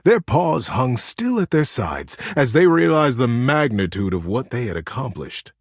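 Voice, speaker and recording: A man voicing an affectionate, gentle teddy bear who tells bedtime stories in a tender, earnest, theatrical way for a game. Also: mid-range voice, sing-song, unhurried, breathy edge, dry recording, clean studio sound, exaggerated voice. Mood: storytelling, tender. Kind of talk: expressive storybook narration and tender talk.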